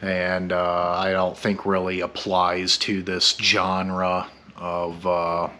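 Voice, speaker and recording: A drunk man rambling through a blunt, profane vlog monologue, halting and meandering, stammering over his words. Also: low-pitched, completely flat delivery, sharp tone, a little hiss or hum. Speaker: YouTube vlogger.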